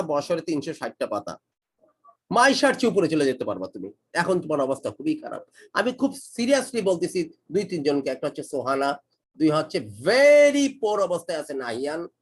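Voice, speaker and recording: A man's voice: fairly high pitch, sing-song, fairly quick. A middle-aged Bangladeshi man teaching kids English in an online class, emphatic and repeating his points, mixing English phrases into his speech. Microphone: online class call.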